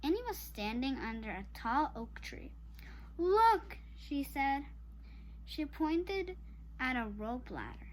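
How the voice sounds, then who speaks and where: Here a child reads a children's chapter book aloud for online viewers in a high, sing-song voice, going a little slowly. The child is informal, apologizing and speaking straight to listeners. The audio is poor, with slight background noise.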